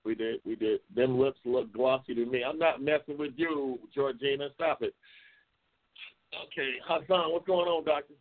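With a medium-pitched voice at a moderate pace, a seventies-aged man hosts a casual live stream, poking fun and trash-talking as he reads viewers' comments. The audio has a tinny, phone-like lo-fi quality.

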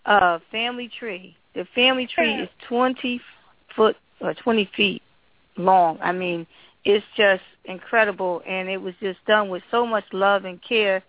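A woman's voice: mid-range voice, a little slow. A woman author and genealogist chatting enthusiastically as a guest on a radio interview. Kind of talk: casual radio interview chat. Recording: tinny phone line.

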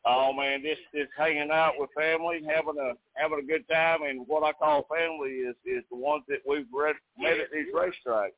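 A man's voice: a little high, fairly even intonation, fairly quick, few pauses, dry recording. Folksy man on a phone line. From Nashville area, United States. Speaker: race fan, phone-in guest at a campground. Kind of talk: casual phone interview. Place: outdoors in a campground pool beside a racetrack. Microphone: phone call. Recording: narrowband phone-like call, dry.

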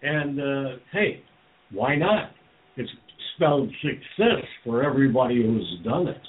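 A man's voice: medium pitch, lively intonation, measured pace. Older guy ranting blunt and salty, sounds phone-like. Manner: blunt, indignant, swears freely. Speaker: guest. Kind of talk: casual chat.

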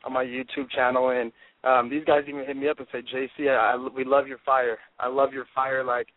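On a dry, tinny phone line, a football draft prospect in his twenties gives an interview in a mid-range voice, delivered flatly and fairly quickly. His words come across as driven, confident, and intense.

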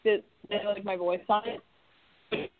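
A man's voice: high-pitched, little pitch movement, slow, no echo. A man calling in to a radio show on a crackly cell phone line that fades in and out, talking casually and hesitantly with many fillers. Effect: crackly cell phone line fading in and out. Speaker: band singer calling in.

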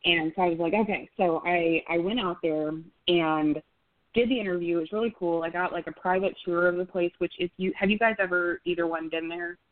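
Woman, 30s, from Oklahoma, chatty storyteller with fillers, lowish voice, dry phone-line sound. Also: fairly even intonation, a little fast, no room sound. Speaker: podcast host and guest. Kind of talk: casual interview chat. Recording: tinny phone-like call audio, dry.

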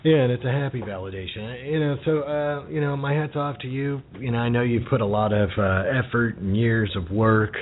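A man's voice: medium pitch, fairly even intonation, moderate pace, hardly any pauses, slight background noise. A man hosting a casual podcast interview, chatty and full of "you know" fillers. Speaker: podcast host. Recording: phone-like narrow audio.

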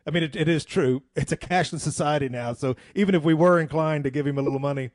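A man in his middle years spins a long story on his radio show, full of "uh"s and false starts. His voice sits a little high for a man. The sound is dry and close, with no room around it. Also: fast, dry recording. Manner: rambling anecdotes with many fillers and restarts. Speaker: radio talk show host. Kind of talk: casual radio talk, storytelling.

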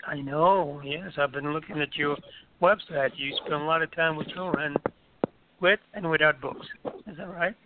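A man's voice: fairly high pitch, normal speed, heavy background noise. A man hosting an internet radio interview in a formal, courteous manner, repeating his phrases, on a narrow phone-like line. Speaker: radio show host.

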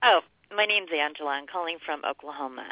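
A woman's voice: sits low, lively intonation, fast talker, no echo. A woman calling in to a show, chatting casually. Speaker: phone-in caller. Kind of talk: casual chat. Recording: dry narrow telephone line.

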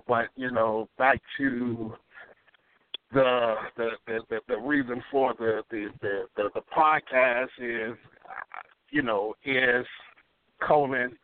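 A man's voice: mid-range voice, animated, slow, vocal fry, no room sound. Man calling in over the phone. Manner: rambling, repeats words while searching. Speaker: caller. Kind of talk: call-in sports talk. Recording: tinny dry phone line.

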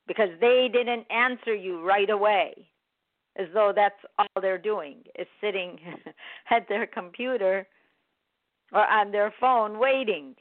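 A woman giving a gentle, encouraging and reflective motivational self-help talk. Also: mid-range voice, no echo. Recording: dry, tinny phone-like sound.

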